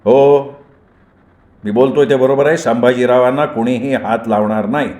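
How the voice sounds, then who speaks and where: A man voicing a calm, firm male leader who reasons with angry companions in a storybook reading. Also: medium pitch, moderate pace, natural voice. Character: calm level-headed adult male leader Patekar. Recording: roomy echoey recording.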